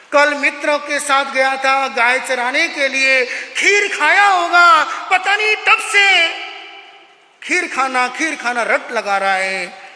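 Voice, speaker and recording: A man's voice: very high voice, sharp tone, heavily acted. A monk voicing a poor mother lamenting. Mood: explaining. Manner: wailing lament, repeated self-reproach. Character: poor grieving village mother, ashamed and self-blaming. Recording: echoey hall reverb.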